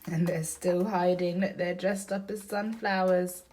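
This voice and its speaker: A woman reads a bedtime picture book aloud as a mother to her young child, using sing-song emphasis and chatty asides, asking questions and pointing out the pictures. Her lowish voice is a little slow and mellow with fairly even intonation, and there's a little hiss or hum.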